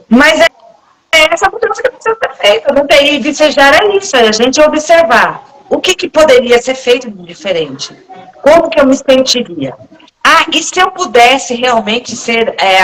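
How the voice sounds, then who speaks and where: She is a Brazilian woman chatting with friends in a live talk. Her voice sits a little high, and she speaks bluntly and frankly, slipping into voices to act out what other people said. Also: fairly bright tone, a little hiss or hum, low-quality recording. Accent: Brazilian Portuguese. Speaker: guest in a live group talk. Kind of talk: casual conversational talk.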